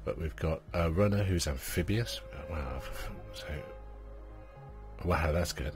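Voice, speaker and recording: Very deep-voiced man narrating gameplay. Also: slow, faint music behind. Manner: thinking aloud, rambling, many fillers, talks to his game characters. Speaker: gaming channel host. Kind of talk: let's play commentary.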